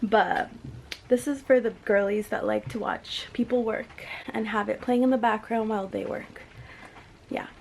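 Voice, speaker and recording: A woman's voice: on the high side, steady tone, normal speed, vocal fry, slight background noise. A young woman, a balloon decor business owner, talking casually and rambling as she works in her indoor studio with a handheld camera, laughing often. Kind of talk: casual vlog talk.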